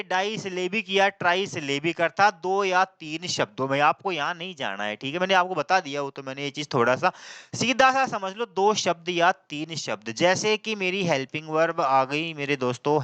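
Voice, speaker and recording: A male English teacher, lecturing in a fairly high, smooth and resonant voice. He quizzes the class and answers his own questions, repeating key terms and spelling out definitions slowly. The sound is close and dry, with no room echo. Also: bright, forceful tone. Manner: mixes in slow, deliberate English definitions.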